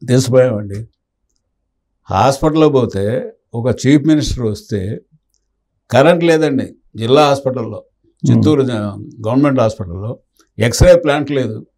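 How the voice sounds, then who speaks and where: An older man tells stories from his police years, slipping into the voices of the people in them. His voice is dark and mellow, and he talks at an ordinary pace. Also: medium pitch, normal speed, long pauses. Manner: anecdotal, acts out quoted dialogue. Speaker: retired police officer recounting memories. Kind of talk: storytelling in an interview.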